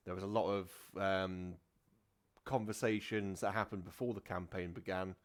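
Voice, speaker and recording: A man's voice: sits low, fairly even intonation, moderate pace. A man hosting a casual tabletop gaming podcast as the dungeon master, rambling with many fillers and restarts.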